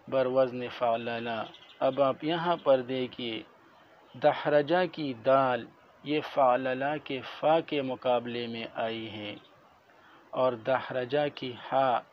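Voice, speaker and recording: A man lectures in a steady, methodical way, going over each point twice and slowing down on key terms. His voice sits at an ordinary middle pitch. The recording is muffled and lo-fi, with a faint hiss underneath. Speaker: religious studies teacher. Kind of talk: classroom lecture explaining Arabic grammar. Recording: dull lo-fi audio with faint noise.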